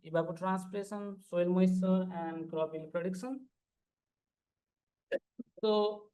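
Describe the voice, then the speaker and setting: A PhD student from Nepal gives an earnest, formal conference panel presentation, working through his slides step by step. His voice is high-pitched with a darkish tone, and the audio quality is poor.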